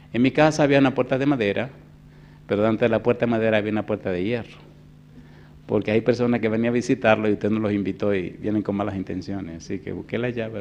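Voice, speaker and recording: A man in his fifties preaching a sermon as pastor, telling a story in a hushed voice and then rising into loud, emphatic preaching. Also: medium pitch, vocal fry, muffled recording, slight background noise. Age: 50s. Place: church.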